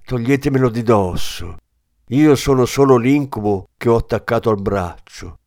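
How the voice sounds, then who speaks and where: A man's voice: mid-range voice, a little mellow, dry recording, clean studio sound. A man voicing a haunted young male addict with a guitar, speaking in a feverish, pleading way.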